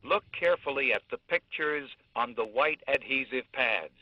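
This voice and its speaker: A man voicing a calm talking defibrillator, giving clear, clipped rescue instructions in a measured way. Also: medium pitch, dry recording, lo-fi sound, natural voice. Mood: calm, instructive. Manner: measured, imperative, clipped sentences. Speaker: defibrillator voice prompt. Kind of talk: spoken device instructions.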